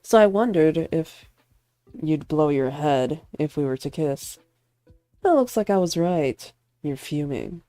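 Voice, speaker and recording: A woman voicing smug teasing guy, rival actor, lowish voice, dry sound, faint music behind. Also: expressive, unhurried, warm tone, dry recording. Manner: mocking, provocative, unbothered.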